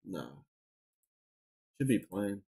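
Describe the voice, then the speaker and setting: A man's voice: lowish voice, big pitch swings, extremely slow, vocal fry, warm tone, slightly rough, poor audio. A man casually chatting on a live game stream from his home computer, rambling with lots of fillers as he talks to chat and a friend. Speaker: gaming streamer. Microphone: desk mic.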